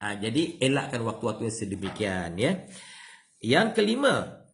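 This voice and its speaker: A man's voice: medium pitch, normal speed, a little hiss or hum. A man with a Malaysian Malay accent giving an evening religious lecture, acting out little dialogues and tagging lines with "ya" and "ha". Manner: animated, acts out dialogue, many "ya" and "ha" tags. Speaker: religious teacher. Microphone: livestream microphone.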